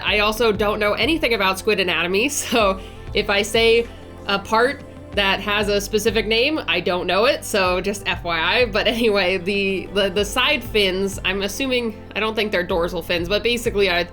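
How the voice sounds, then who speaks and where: A woman in her twenties hosts an art channel and narrates her vlog in a relaxed, friendly, mid-range voice that sounds clearly nasal from a lingering cold. She rambles in a chatty, upbeat way, full of ums, fillers and self-corrections, while soft music plays quietly in the background.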